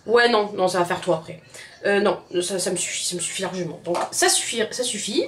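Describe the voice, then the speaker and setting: A woman's mid-range voice, a little fast, comes through with some hiss or hum. Chatting with a Southern French accent, she shows viewers a recipe from her home kitchen, talking to them directly and repeating words often in this relaxed tutorial.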